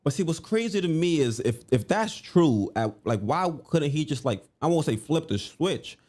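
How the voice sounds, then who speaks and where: A man co-hosting a live sports stream, chatting casually and reading out viewer comments in a relaxed, conversational way. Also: a little high, normal speed. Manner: laid-back, conversational, lots of fillers. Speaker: co-host of a live sports show.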